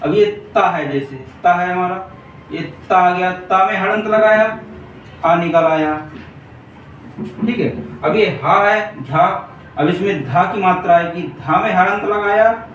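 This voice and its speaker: A man with a high, somewhat bright voice speaks at an unhurried pace while teaching a Hindi grammar lesson at a board for exam preparation. He repeats points and keeps checking in with his students. The room is echoey, the mic distant, and a faint hiss runs underneath.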